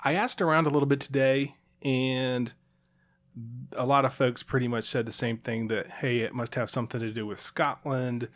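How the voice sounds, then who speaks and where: Podcast co-host, male, mid-pitched, chatty and explanatory, loose and joking. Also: steady tone, moderate pace, fairly bright tone. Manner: chatty, explaining at length with fillers and restarts. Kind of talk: casual chat.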